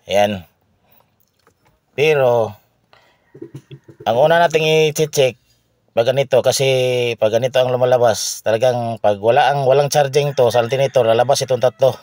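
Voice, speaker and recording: A man, a mechanic explaining a car repair to viewers in a halting way, pausing and repeating himself. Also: medium pitch, steady tone, darkish tone, no echo.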